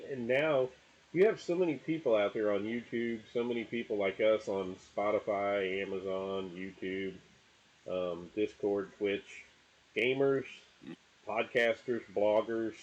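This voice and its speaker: A man co-hosting a podcast in casual chat, telling stories and listing things at a relaxed pace. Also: fairly low pitch, measured pace, lo-fi sound. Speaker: podcast co-host.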